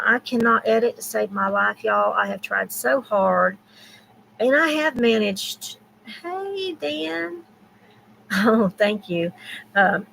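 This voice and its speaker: Southern lady in her 60s, super gravelly voice, rambly chatty livestream talk, little hiss behind. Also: medium pitch, a bit bright, low-quality recording. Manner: chatty, rambling, answers viewers by name. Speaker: YouTube creator. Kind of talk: casual live-stream chat.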